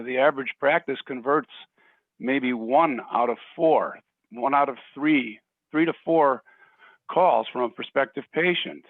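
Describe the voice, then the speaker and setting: A man who runs a marketing firm, explaining a business point in a measured way during a casual discussion. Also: mid-range voice, dry recording. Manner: measured, with fillers and restarts as he builds a point. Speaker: show host and marketing firm owner. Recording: tinny, dry phone-like line.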